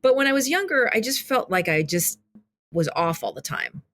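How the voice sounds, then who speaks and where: A woman with a fairly high, sing-song, somewhat bright voice appears as a podcast guest in a casual interview conversation. A filmmaker and author whose first language is Arabic, she grew up in Kentucky, USA, and speaks reflectively and haltingly, with many restarts and "you know"s.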